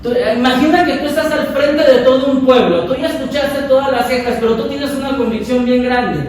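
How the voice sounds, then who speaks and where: A man's voice: very high voice, fairly quick, heavy reverb, recorded from a distance, a little hiss or hum, low-quality recording. A male pastor preaching a sermon, emphatic and repeating key phrases for the congregation. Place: large church hall.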